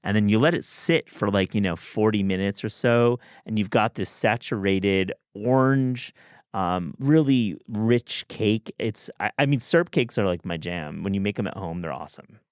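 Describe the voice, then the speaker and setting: A man's voice: lowish voice, normal speed, clear, resonant tone, no room sound, studio quality. A man hosting a podcast, talking in an enthusiastic, chatty way with many restarts. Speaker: podcast host. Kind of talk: casual chat.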